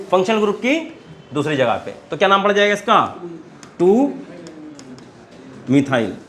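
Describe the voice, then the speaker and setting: A man's voice, pitched high, lecturing in a Hindi-speaking Indian accent. He is a chemistry teacher who drills his students with quick questions and calls them beta as he goes. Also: a bit bright, a little hiss or hum. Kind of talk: classroom lecture at a board.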